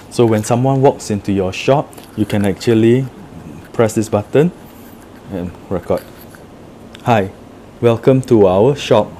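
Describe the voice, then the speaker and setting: A man's voice: lowish voice, dark tone, slight background noise. A man casually walking through a product demo, explaining each step plainly in an office room. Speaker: product demonstrator. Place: indoor office room with a table.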